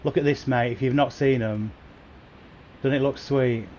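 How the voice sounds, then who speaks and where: In casual livestream commentary, a man playing a bus game on a home console greets his viewers by name with enthusiasm via a new gaming headset. His mid-range voice is steady, a little mellow, and at a normal speed, with a little hiss or hum.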